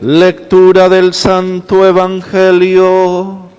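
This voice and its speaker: A man, a priest, slowly and solemnly intoning the opening of a liturgical gospel reading, his voice carrying a cathedral echo. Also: sits high, completely flat delivery, a little mellow, smooth. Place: large church. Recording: long church reverb from a distance.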